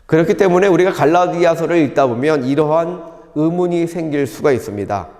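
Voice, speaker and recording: A male pastor giving a sermon in a calm, measured teaching tone, often posing rhetorical questions. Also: a little high, in a large hall. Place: church sanctuary.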